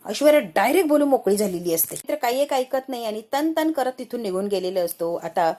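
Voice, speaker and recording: A woman's voice: on the high side, lively intonation, fast talker, darkish tone. A woman narrating a casual recap of a TV serial episode in a chatty storytelling manner.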